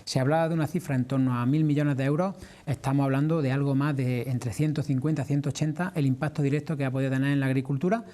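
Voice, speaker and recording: A man with an Andalusian accent giving measured, explanatory answers as a farming representative in a formal interview. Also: medium pitch, fairly even intonation, dark tone. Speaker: farmers' organisation representative being interviewed.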